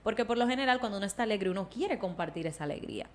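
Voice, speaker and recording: A woman's voice: medium pitch, animated, rapid-fire. A woman psychologist, explaining emotions in a casual podcast conversation. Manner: explanatory, slips into acted quotes. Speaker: psychologist guest.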